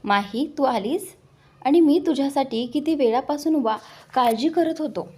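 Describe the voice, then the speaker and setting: A woman's voice: fairly high pitch, animated, a little slow, a little mellow, slightly rough. A woman voicing an anxious, protective young man in an audio love story, speaking in an earnest, worried way.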